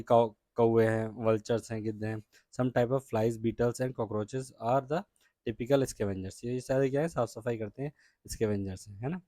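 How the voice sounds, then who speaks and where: A man with an Indian accent teaching a science lesson to children, reading English lines slowly and then explaining them in Hindi, checking in often with "ठीक है?". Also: medium pitch, dark tone, no echo.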